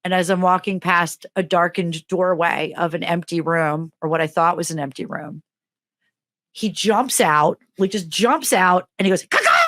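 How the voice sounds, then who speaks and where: Lower-voiced middle-aged woman telling a funny story. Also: moderate pace, no room sound, studio quality. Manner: animated, acts out quotes with big pitch jumps. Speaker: podcast co-host and teacher. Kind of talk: comedic storytelling in casual chat.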